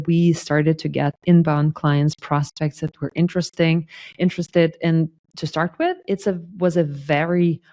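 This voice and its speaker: A woman in her thirties, originally from Lithuania, talks through her career as an interview guest. Her voice is mellow and fairly low, and she explains things earnestly with lots of little asides. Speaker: sales guest. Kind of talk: conversational interview.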